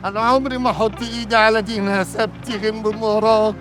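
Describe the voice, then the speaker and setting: An actor playing a glib, rambling comic meddler in an Egyptian drama, talking with an Egyptian accent. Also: male voice, high-pitched, level tone, a bit bright, soft background music. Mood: mock-earnest. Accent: Egyptian Arabic. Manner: fast comic rambling, mock pleading.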